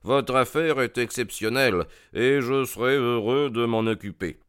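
Sherlock Holmes, read by a man, crisp and brisk. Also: medium pitch, a bit bright, no room sound, clean studio sound, natural voice. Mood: reassuring. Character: brisk, amused male detective. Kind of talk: audiobook character voice.

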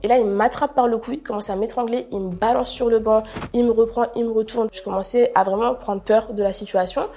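A woman's voice: a little high, brisk, hardly any pauses, slight background noise. A young woman telling her own story in casual testimony, acting out the people she quotes. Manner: animated storytelling, acting out others' quoted lines. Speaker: person recounting a personal ordeal. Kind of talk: casual first-person testimony.

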